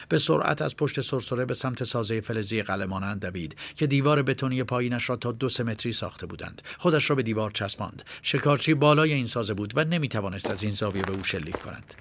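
A man narrates a tense story in a steady, measured reading voice. His pitch sits in an ordinary middle range for a man. The delivery is scripted audiobook narration, calm and even throughout. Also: a little hiss or hum.

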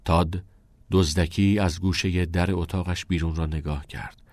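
A man reading a novel aloud as narrator in a calm, measured way. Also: low-pitched, no room sound. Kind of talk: audiobook narration.

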